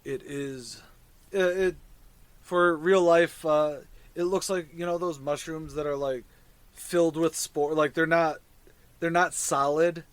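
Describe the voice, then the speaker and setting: A man's voice: fairly high pitch, steady tone, takes it slowly, clean tone, no echo. A man casually narrating a tabletop fantasy game as the dungeon master and host.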